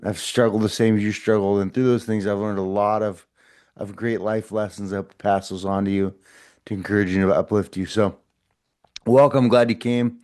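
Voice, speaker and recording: Talking to camera for his brief motivational podcast, a middle-aged man is earnest and encouraging, casual in tone, with plenty of repeats and restarts. He speaks at a moderate pace in a lowish, steady, slightly mellow voice.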